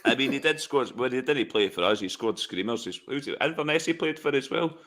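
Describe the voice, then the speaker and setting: A man with a Scottish accent co-hosting a football podcast, giving laid-back, measured opinions. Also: medium pitch, lively intonation, fairly bright tone. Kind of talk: casual football chat.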